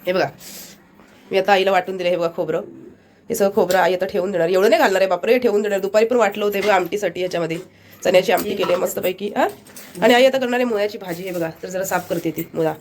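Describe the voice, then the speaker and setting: A woman's voice: mid-range voice, fast, a little hiss or hum. A woman with a Konkan Marathi accent, chatting casually through a home vlog and showing things to the camera. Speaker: vlogger. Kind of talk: casual daily vlog narration. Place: family home, indoors.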